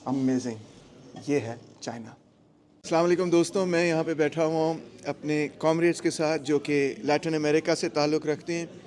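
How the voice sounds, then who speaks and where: A man's voice: on the high side, a little mellow. A man talking casually to his camera as he narrates a travel vlog and explains things to viewers. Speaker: vlogger and political commentator.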